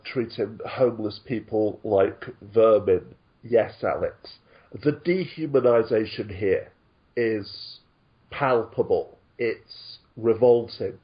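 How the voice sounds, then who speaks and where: A man's voice: fairly low pitch, lo-fi sound. A man talking on an online show, sarcastic and indignant, swearing freely as he rants. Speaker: guest commentator. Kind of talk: casual online talk show discussion.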